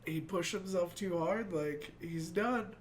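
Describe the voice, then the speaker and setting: Speaking slowly in a high voice, a young man reacts to anime from a small room at home with shelves of figures. He's congested from crying and rambles through an emotional, casual chat full of "like." There's slight background noise.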